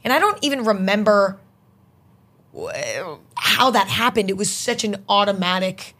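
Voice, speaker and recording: A woman's voice: medium pitch, animated, unhurried, bright, forceful tone. A young woman who creates online videos, a guest on a chat show, talking casually and rambling, with lots of "like.". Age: young adult. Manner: rambling, heavy use of "like".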